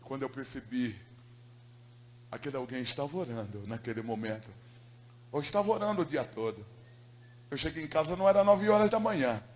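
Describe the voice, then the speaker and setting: A man giving an emotional preaching testimony, telling his story dramatically and moving between loud swells and hushed tones. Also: medium pitch, animated, brisk, long pauses.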